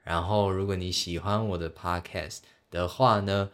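A young man talks alone on his podcast, his voice sitting low. He tells a story in a loose, rambling way, full of fillers and jokes at his own expense. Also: fairly even intonation, normal speed, a bit bright. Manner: rambling, self-mocking storytelling with many fillers. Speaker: podcast host. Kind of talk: solo casual chat.

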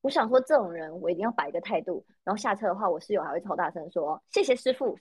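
A woman's voice: lowish voice, rapid-fire, slightly rough, no room sound, low-quality recording. A woman with a Taiwanese Mandarin accent, a podcast co-host chatting casually and telling blunt, swearing stories. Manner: animated storyteller, blunt and swearing. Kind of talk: casual chat.

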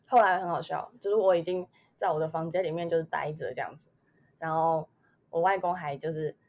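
This twenty-something woman co-hosts a casual podcast, recounting something from her past in a meandering, filler-heavy way. She has a Taiwanese Mandarin accent and a lowish, somewhat dark voice.

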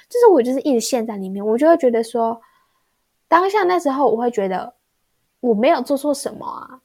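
A young woman co-hosting a podcast, telling a personal story in a soft, halting, reflective way. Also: fairly high pitch. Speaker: podcast co-host. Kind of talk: casual chat, personal story.

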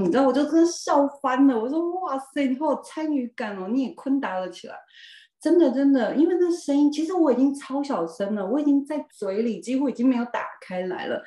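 A woman, a podcast guest telling her personal story in a lively, expressive way with emphatic repeats. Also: on the high side. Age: 40s. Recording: roomy echo.

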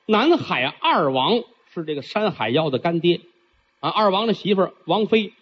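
A man's voice: high-pitched, very animated, normal speed, breathy edge. A man performing traditional storytelling, theatrical and chatty, with frequent asides to the listener. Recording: dull lo-fi recording.

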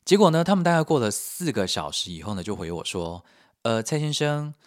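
A man from Taiwan, telling a story in a joking, expressive vlog. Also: on the low side, fast, no room sound, clean studio sound. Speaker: vlogger. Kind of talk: casual storytelling.

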